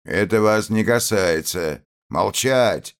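A man's voice: lowish voice, very animated, slow, pitched above the performer's own voice, heavily acted. A man voicing a cold, contemptuous young officer who speaks in curt commands with sneering politeness.

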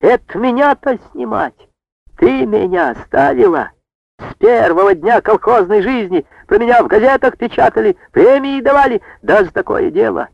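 A man voicing an older male farm foreman who shouts in indignant protest. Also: high voice, animated, normal speed, creaky, hardly any pauses, no echo, voice pushed up, heavily acted. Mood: outraged. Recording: dull dry lo-fi recording.

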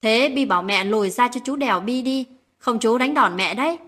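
A lovestruck young man speaks in a soft, coaxing way, tender with the woman he likes, as a woman reads him. The voice sits fairly high and has a husky grain. It comes from a late-night storybook reading. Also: expressive, fairly quick. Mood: teasing.

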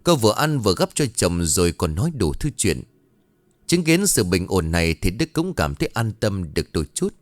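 A man narrating a scripted ghost story with a measured storytelling cadence. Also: sits low, very animated, no echo.

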